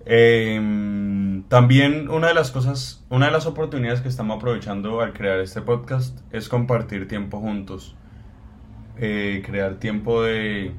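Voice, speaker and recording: A man's voice: on the low side, a little hiss or hum. An eighteen-year-old man from Cali with a Colombian accent, co-hosting a casual podcast intro with many fillers and restarts. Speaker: podcast co-host.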